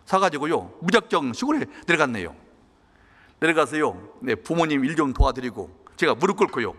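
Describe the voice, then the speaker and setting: A male pastor preaches a sermon and tells an earnest, emotional personal story. His pitch rises and falls widely as he speaks. His voice carries a long reverb from the church hall. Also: sing-song, normal speed, fairly bright tone.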